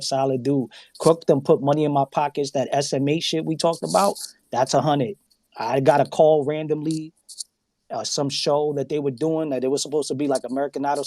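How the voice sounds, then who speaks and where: A man chats on a podcast, slightly higher than most men, and tells stories with animated energy, slipping into quoted voices. He swears freely and laughs often. The sound is dry and close. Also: no echo. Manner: profane, emphatic. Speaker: guest on a podcast. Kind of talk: casual podcast chat.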